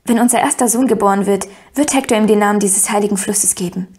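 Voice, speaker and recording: A woman's voice: mid-range voice, quick pace, darkish tone, lightly acted. A woman reading an audiobook, voicing a proud young noblewoman who speaks in a teasing, knowing way.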